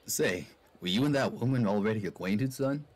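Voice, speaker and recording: A man's voice: fairly low pitch, lively intonation, normal speed, darkish tone. A man doing a protective drawling critter. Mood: gentle. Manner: easygoing drawl. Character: steady, protective grown male critter.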